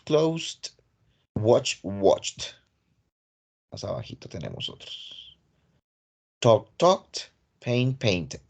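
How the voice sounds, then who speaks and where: Patient teacher explaining grammar. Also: male voice, medium pitch, darkish tone. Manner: patient, step-by-step explaining with casual diminutives. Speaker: English teacher. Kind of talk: online class explanation. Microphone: computer mic on a video call.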